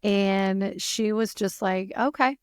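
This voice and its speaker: A woman's voice: medium pitch, fairly even intonation, normal speed, gravelly, no room sound, studio quality. A woman telling a personal story as a podcast guest, earnest and full of "you know" fillers.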